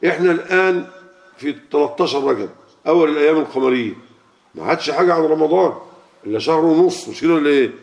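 In a fairly high, animated voice with vocal fry, a man with an Egyptian Arabic accent preaches rapidly to a gathering. He talks colloquially and keeps questioning the audience, on a lo-fi, muffled recording.

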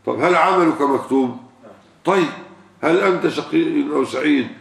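An older Egyptian sheikh with a heavily gravelly, fry-laden voice delivers a religious question-and-answer sermon. He drives his points home with rhetorical questions and repeated words. He sits well back from the mic in a roomy, echoing space. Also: on the high side, moderate pace. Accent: Egyptian Arabic. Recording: echoey room, far from the mic.

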